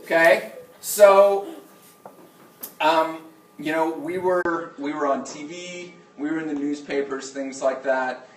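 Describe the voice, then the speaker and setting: Guy teacher giving his class an informal announcement, kinda halting, says okay a lot, far from mic in echoey room, bit of noise. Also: a little high. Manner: halting, repeats okay to check attention. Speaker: middle school teacher. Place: indoor classroom with students. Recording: roomy classroom, distant mic, faint noise.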